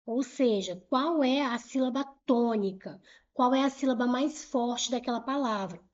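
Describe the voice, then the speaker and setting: A woman's voice: a little high, highs cut off. A middle-aged woman teaching grammar in an online exam-prep lesson, explaining step by step, repeating key points and asking rhetorical questions, and urging viewers to keep moving. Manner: brisk and urging, pushes the viewer to move on.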